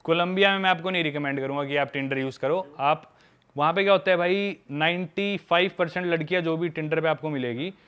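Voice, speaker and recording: A young man with a slightly high, brisk, clean voice is a podcast guest who makes travel videos. He chats casually and frankly, telling lively stories from his trips and calling the listener "brother."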